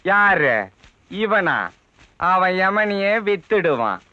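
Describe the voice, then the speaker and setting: An actor playing a bossy middle-aged family elder who scolds in quick, exasperated bursts. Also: male voice, sits high, animated, dry recording. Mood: scolding. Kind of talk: Tamil film comedy acting. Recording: dull film soundtrack, faint music.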